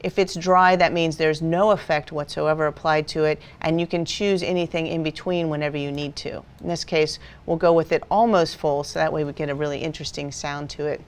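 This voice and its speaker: Low-voiced woman teaching a software tutorial. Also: fairly even intonation, fairly quick, hardly any pauses. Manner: patient step-by-step explaining. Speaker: video editing instructor. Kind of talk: screen-recorded software tutorial.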